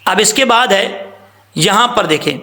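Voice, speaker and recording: A man with a gravelly, slightly high voice gives a tajweed lesson on Quran recitation. He explains each rule patiently and warns against common mistakes. He speaks as a voice-over on a screen recording. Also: animated, sharp tone. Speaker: Quran teacher.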